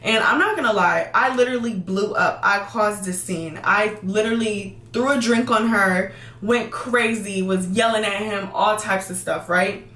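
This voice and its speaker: A young woman tells her own story to her viewers, quick and emphatic, often repeating words to stress them. Her voice sits back from the mic in a roomy, echoing space, at a middling pitch. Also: fairly bright tone, recorded from a distance. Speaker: vlogger. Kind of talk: storytime vlog.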